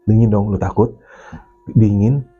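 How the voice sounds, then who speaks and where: A man with telling a mountain ghost story in casual chat, animated and swearing, acting out the voices of the people in it. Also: lowish voice, unhurried, phone-quality sound, faint music behind. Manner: animated, acts out his own and others' quoted lines; swears casually, keeps addressing the listener as Bang.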